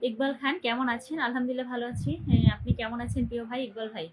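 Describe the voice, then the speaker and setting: Amid heavy background noise, a young woman from Barisal, Bangladesh, hosts a casual phone livestream, talking very fast in a slightly high voice with fairly even intonation. She greets viewers by name and cheerfully urges them to comment and share.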